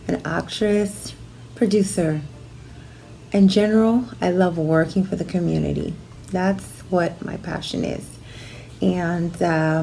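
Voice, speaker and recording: A middle-aged woman from Haiti, a producer and actress, telling her life story in a relaxed way, with fillers and restarts, in a personal bio monologue. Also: lowish voice, creaky, a little hiss or hum. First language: Haitian Creole or French.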